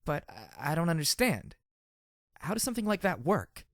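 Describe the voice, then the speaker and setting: A man reading an audiobook, voicing a blunt, scrappy young mare who talks in a halting, questioning, informal way. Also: on the high side, sing-song, no room sound, clean studio sound, voice pushed up. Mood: curious, blunt.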